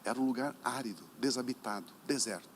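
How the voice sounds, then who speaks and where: A middle-aged man with a Brazilian Portuguese accent preaching a sermon as pastor, emphatic and dramatic, acting out dialogues and swinging from soft to loud. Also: mid-range voice, fast, a little hiss or hum. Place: church sanctuary during a service.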